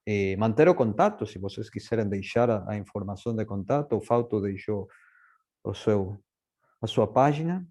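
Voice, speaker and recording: Spanish-speaker guy chairing a panel, mellow dark voice, hesitant, mixes his languages. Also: lowish voice, lively intonation, moderate pace. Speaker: panel moderator. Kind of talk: informal moderating of an academic panel.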